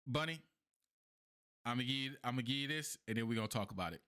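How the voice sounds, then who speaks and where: A man's voice: mid-range voice, quick pace, sharp tone, clean tone. A man co-hosting a podcast in casual chat, talking emphatically and repeating himself for effect. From not from New York. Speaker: podcast co-host.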